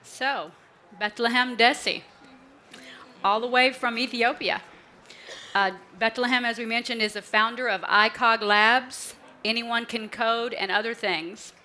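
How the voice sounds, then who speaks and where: A woman moderating a conference panel, introducing speakers in an upbeat, smooth way. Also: on the high side, steady tone, measured pace, bright, forceful tone. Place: conference stage.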